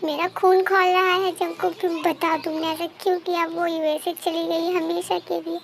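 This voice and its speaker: A woman voicing a fiercely loyal young woman in a fan-dubbed story, loud, accusing and demanding. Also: very high-pitched, little pitch movement, moderate pace, vocal fry, slight background noise. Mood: furious. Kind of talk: fan dub story voice acting. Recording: faint background music.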